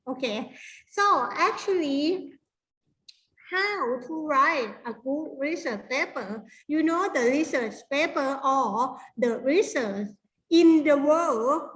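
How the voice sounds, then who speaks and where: A middle-aged woman with a Thai accent, giving an informal online lecture in halting non-native English. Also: high voice, a bit bright, poor audio. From Thailand. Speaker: university lecturer presenting a workshop.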